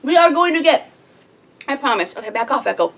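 A woman's voice: sits high, lively intonation, fairly quick, a bit bright. A woman in her thirties chatting casually to camera in a small sitting room, rambling a little with lots of ums. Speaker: homestead vlogger.

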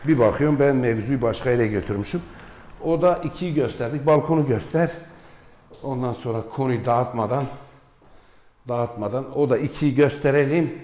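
A Turkish real estate agent in his forties gives a rambling tour of an empty, unfurnished villa, full of folksy asides, recorded indoors on a camera mic as he walks. His medium-pitched voice is a little mellow at normal speed, echoing through the empty rooms.

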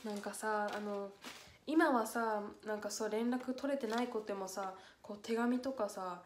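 On a casual solo livestream, a young adult woman who hosts as an idol speaks at a measured pace in a medium-pitched voice. Reading letters aloud, she nears tears, and her voice carries the echo of the room along with a little faint noise.

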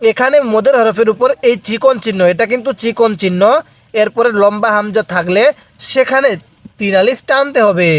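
Brief: high-pitched male Quran reading teacher, patient drill, slow drawn-out syllables for repetition. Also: fairly bright tone, dry recording. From Bangladesh. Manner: spells out letters and drawn-out vowels slowly, has learners repeat. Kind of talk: step-by-step recitation lesson.

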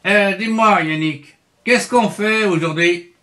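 A man's voice: sits high, slow, bright, forceful tone, heavily acted. A man voicing a friendly, curious bear puppet who greets the teacher and asks what the lesson is, in a raised, slightly strained voice. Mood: cheerful, curious. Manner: chirpy questions, eager replies.

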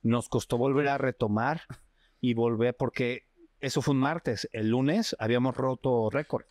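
A man's voice: mid-range voice, a little slow, dry recording, studio quality. Slangy Mexican man telling stories. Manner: animated, slangy, acts out other people's cries. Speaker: actor guest. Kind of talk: casual storytelling chat.

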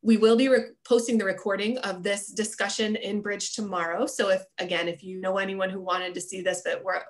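A woman's voice: medium pitch, level tone, brisk. An American woman in her thirties hosting an online book club in a polite, appreciative, conversational way. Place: small room at home, indoors. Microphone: video call computer microphone.

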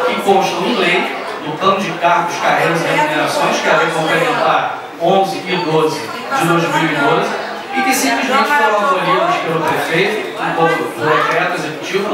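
Forceful high-voiced man speaking at a podium. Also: distant mic. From Brazil. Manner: forceful, emphatic oratory with raised passages. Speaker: city councillor. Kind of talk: political speech in a council chamber. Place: large council chamber with seated audience. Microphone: podium microphone on a stand. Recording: echoey hall, voice heard from afar.

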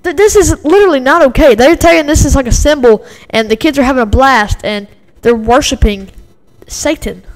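A woman's voice: high voice, moderate pace. A woman giving a casual, agitated reaction commentary from home, rambling with many fillers and repeats. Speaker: video commentator. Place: home with a dog and a TV in the background.

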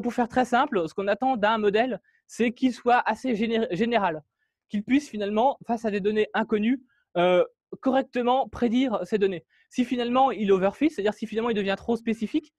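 High voiced guy giving a tech talk, lots of ums and restarts, dry sound. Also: darkish tone, dry recording. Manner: hesitant, many fillers and restarts. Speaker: meetup speaker. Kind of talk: technical presentation walking through code. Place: meetup room.

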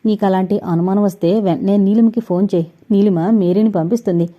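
A woman voicing a sharp-tongued, stubborn old grandmother with a blunt, scolding manner in a dull lo-fi recording. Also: medium pitch, steady tone, a little fast, close to an everyday voice. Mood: worried.

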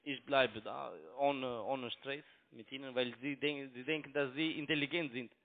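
Over a thin, narrowband telephone connection, a non-native man who isn't a German native speaker quarrels in broken sentences, stubbornly repeating himself. His voice sits in the mid range, with fairly even intonation and a moderate pace. He's a phone broker and scam caller caught in an argumentative call.

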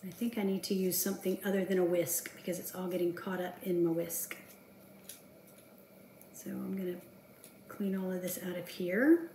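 A woman's voice: fairly low pitch, flat delivery, normal speed, pauses often, background noise. Chatty woman cooking in an echoey kitchen. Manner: chatty, self-deprecating, talks to herself while working. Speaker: home cooking vlogger. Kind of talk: casual cooking chat to camera. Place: home kitchen, indoors. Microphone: camera across the kitchen counter. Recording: echoey kitchen with clattering dishes.

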